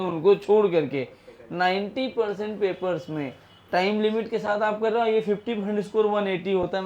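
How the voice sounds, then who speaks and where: High-pitched male teacher, chatty classroom lecture. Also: darkish tone. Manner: chatty, scolding and joking with students. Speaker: physics teacher. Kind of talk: classroom lecture, casual advice to students. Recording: dull lo-fi classroom recording.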